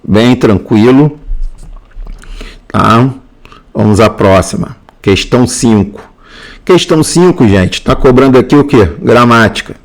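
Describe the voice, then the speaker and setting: Man, brazilian portuguese accent, unhurried exam-prep lesson, repeats and checks in often. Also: mid-range voice, lively intonation. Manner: explains step by step, repeats key points, checks in with "tá?". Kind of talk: exam answer walkthrough lesson.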